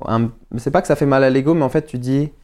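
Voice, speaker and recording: A young man with a Paris suburbs accent, a footballer chatting as a podcast guest, slangy and animated as he acts out what people said. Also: medium pitch, quick pace. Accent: Parisian suburbs French. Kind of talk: casual storytelling chat.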